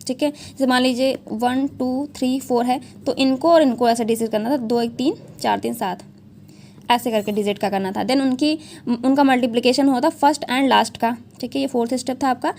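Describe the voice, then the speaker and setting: A young woman with a fairly high voice explains exam questions in a relaxed, chatty way. She keeps checking in with her viewers and slips English words into her Hindi. A faint hiss sits under her voice. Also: normal speed. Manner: chatty, repeats "theek hai" often, mixes English into Hindi. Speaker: exam prep educator. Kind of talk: casual exam analysis talk.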